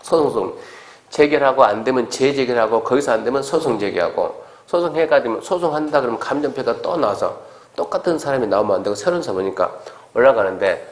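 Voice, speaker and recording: A male lecturer giving an exam-prep lecture in a conversational way, acting out little exchanges as he explains. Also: mid-range voice. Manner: conversational, acts out quoted exchanges.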